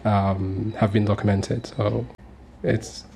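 A man's voice: lowish voice, flat delivery, takes it slowly, mellow, a little hiss or hum. A man in his thirties from Sudan, speaking as a guest on a community radio interview, earnest and hesitant with many fillers and restarts. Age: 30s.

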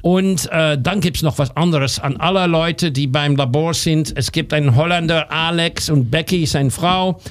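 A man from the Netherlands with a Dutch accent, presenting on a community radio show in halting second-language German with many fillers. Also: a little high. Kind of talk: casual multilingual radio presenting.

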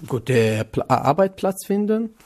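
A man's voice: mid-range voice, big pitch swings, slow, a little mellow. Young man, hesitant German. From northern Iraq. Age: 20s. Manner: hesitant non-native German with many fillers. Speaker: interviewee, trainee cook. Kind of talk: radio interview.

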